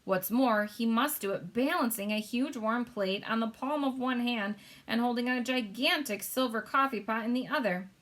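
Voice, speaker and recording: A woman narrating a children's story, reading aloud in an expressive storytelling style. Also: mid-range voice.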